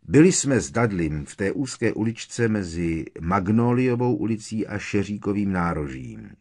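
A man's voice: fairly low pitch, sing-song, pitched above the performer's own voice. A man voicing an irritated teenage boy wizard who answers curtly and impatiently in an audiobook. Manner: curt, tense, impatient. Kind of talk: audiobook character reading.

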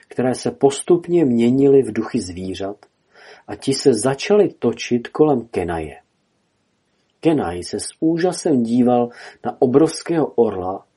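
Husky, dark-voiced male storyteller. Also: mid-range voice. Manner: dramatic storytelling. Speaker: narrator. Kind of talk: storybook reading.

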